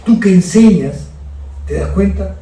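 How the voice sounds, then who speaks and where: A man's voice: sits high, measured pace, warm tone. A man with a Peruvian Spanish accent, a pastor leading a Bible study in earnest, hesitant speech full of restarts, talking straight to his listeners. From Peru. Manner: earnest, many fillers and restarts, addresses listeners directly. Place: church hall. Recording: echoey room, voice from far off.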